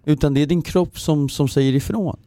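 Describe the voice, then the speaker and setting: A man's voice: a little high, mellow, no room sound. A man co-hosting a podcast in casual conversation, talking earnestly and reflectively with many restarts. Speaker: podcast co-host.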